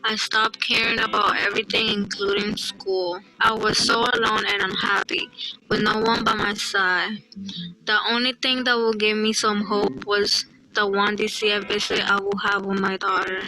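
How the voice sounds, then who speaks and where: A young woman from El Salvador telling her own story as a young mother in a quiet, earnest narrated digital story. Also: mid-range voice, level tone, moderate pace, low-quality recording. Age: young adult. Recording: played-back video with guitar music.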